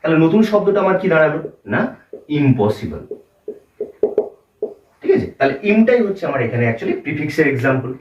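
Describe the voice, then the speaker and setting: A man's voice: fairly high pitch, big pitch swings, a little fast, pauses often, a little mellow. A man with a Bengali accent teaching English grammar at a board, explaining step by step with fillers. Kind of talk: whiteboard grammar lesson. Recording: roomy, distant, dull lo-fi sound.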